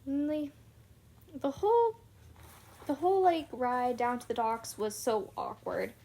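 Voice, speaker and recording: A young woman recaps a novel in a relaxed, chatty way and drops "like" into nearly every sentence. Her voice sits a little higher than most women's. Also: measured pace. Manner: chatty retelling with many "like" fillers. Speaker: book reviewer. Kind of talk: casual book recap.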